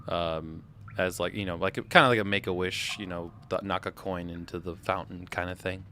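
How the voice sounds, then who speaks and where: Low-voiced male game master, informal. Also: fairly even intonation, moderate pace, sharp tone, a little hiss or hum. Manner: informal, joking. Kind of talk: casual tabletop game narration.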